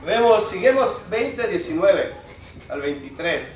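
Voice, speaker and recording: A man's voice: high-pitched, very animated, slow pace. A man preaching a sermon, explaining scripture conversationally and reading Bible passages aloud to the congregation. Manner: reads Bible passages aloud with rising emphasis. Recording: echoey hall from far off with congregation noise.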